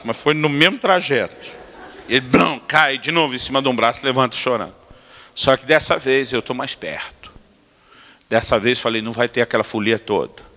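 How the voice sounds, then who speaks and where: A pastor with a mid-range voice preaches a humorous sermon, telling family stories animatedly and acting out the scenes with comic asides. The church sanctuary gives the recording a long hall reverb.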